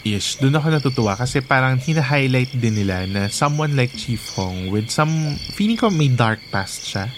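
A man's voice: mid-range voice, normal speed, hardly any pauses, background noise. A man with a Filipino accent co-hosting a podcast, chatting casually and mixing Tagalog with English. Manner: animated, mixes Tagalog and English. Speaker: podcast co-host. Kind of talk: casual chat about a TV series.

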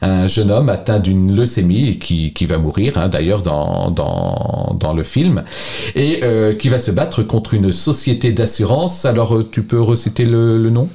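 Warm-voiced man co-hosting a podcast. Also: on the low side, very animated, unhurried, creaky. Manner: chatty, friendly, hesitant with many fillers. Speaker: podcast co-host. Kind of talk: casual conversational podcast.

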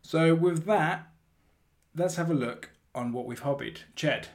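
Man hosting from a flat's hallway. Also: a little high, measured pace. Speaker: podcast host. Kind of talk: casual hobby chat. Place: hallway of a flat.

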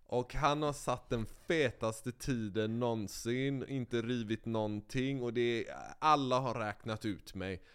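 This man talks with a smooth, resonant voice at an ordinary middle pitch. He spins a cocky, foul-mouthed story in a loose, conversational way and keeps the momentum going. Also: hardly any pauses. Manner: lively, profane, boastful storytelling. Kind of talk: casual chat, animated storytelling.

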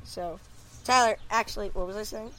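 A man's voice: high-pitched, a little fast, sharp tone. A young man co-hosting a casual hockey podcast, rambling and losing his train of thought. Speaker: podcast co-host. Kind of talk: casual chat.

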